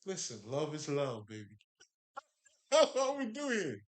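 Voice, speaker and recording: Speaking slowly with a fairly high voice and huge swings in pitch, a spiritual speaker with a Haitian accent delivers a casual spiritual talk. His manner is relaxed, emphatic and full of swearing and laughter, and the room he's in echoes.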